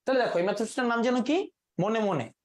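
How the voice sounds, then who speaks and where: A man teaches English vocabulary in a live classroom lesson, quizzing his students and mixing English words into his speech. His very high voice is animated and brisk, with crowd noise around him.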